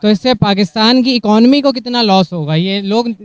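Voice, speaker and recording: Street interviewer, young man, teasing and deadpan; high, clean voice, dry close sound, outdoors. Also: normal speed, smooth, no echo. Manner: teasing, deadpan mock questions. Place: outdoor park. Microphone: handheld mic.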